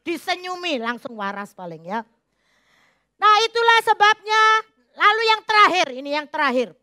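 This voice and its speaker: A middle-aged woman pastor gives a folksy sermon full of jokes. Her voice is high and bright. The sound is dry, with no room echo. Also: sing-song, normal speed. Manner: folksy, joking, mixes in Javanese phrases.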